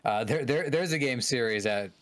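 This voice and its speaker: A man co-hosting a casual podcast, making measured, articulate points. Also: medium pitch, fairly bright tone. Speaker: podcast co-host. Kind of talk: casual chat.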